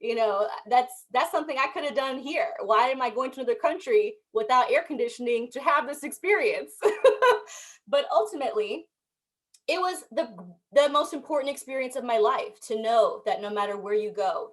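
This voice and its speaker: A young woman from the United States, speaking as a panelist and telling her story in an animated, emphatic way. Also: on the high side, normal speed. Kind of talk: panel discussion.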